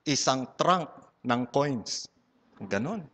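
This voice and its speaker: A man's voice: medium pitch, lively intonation, slow pace, a bit bright. A man with a Filipino accent giving a humorous testimony talk at a church community gathering, a playful storyteller who mixes Tagalog and English and teases his audience. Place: large hall before a live audience. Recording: long hall reverb.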